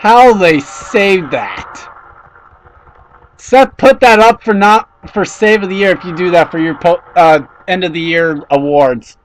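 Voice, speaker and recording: Excitable guy doing race play by play, pretty high voice. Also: normal speed, few pauses, rough recording. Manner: excitable, voice jumps high and loud at crashes. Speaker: race commentator. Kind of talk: play-by-play commentary.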